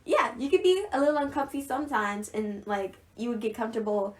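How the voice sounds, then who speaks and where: A woman's voice: on the high side, expressive, fairly quick, a loud crowd. Giggly teen girl co-hosting a chat. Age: teens. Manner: chatty, laughs often, many fillers. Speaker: podcast co-host. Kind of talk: casual podcast chat.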